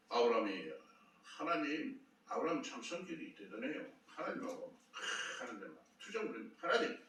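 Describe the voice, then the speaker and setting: A man preaching a sermon as a pastor, telling the story with lively acted-out dialogue. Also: medium pitch. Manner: animated storytelling, acting out dialogue. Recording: echoey room, from far off, faint noise.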